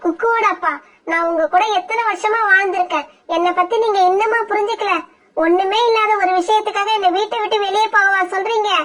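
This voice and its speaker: A woman voicing a gentle mother sparrow in a cartoon, pleading and tearful. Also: very high-pitched, steady tone, a little fast. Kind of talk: cartoon voice acting.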